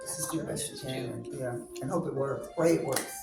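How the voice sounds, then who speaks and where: A woman chatting casually at a family gathering with lively, encouraging words. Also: extremely low pitch, normal speed, recorded from a distance. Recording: roomy echo, loud music behind.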